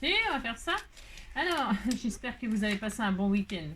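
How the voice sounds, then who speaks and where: Woman, high voice, casual crafting vlogger, rambling and playful, filler-heavy, hot and weary. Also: lively intonation, brisk, a little hiss or hum. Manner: rambling, playful, chatty with many fillers and jokes. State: hot, complaining of heat. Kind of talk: casual chat while crafting.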